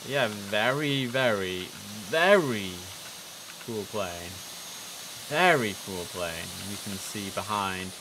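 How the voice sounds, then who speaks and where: In a slow, lowish voice, a young man chats casually while streaming an air traffic control game with a headset. He reads the radio calls in an easygoing way and repeats words to emphasize them.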